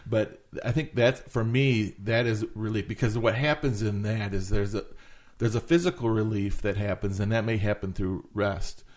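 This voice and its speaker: A man with a somewhat low voice talks through ideas on a ministry podcast. He is thoughtful and plays with words as he speaks. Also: fairly even intonation, normal speed, hardly any pauses, darkish tone. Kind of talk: casual ministry podcast discussion.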